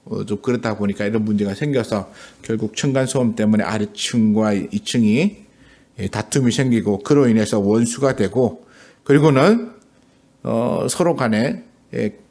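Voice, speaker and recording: A middle-aged man preaching a sermon as a pastor, in an easy conversational way with many pauses and filler sounds. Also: on the low side, darkish tone.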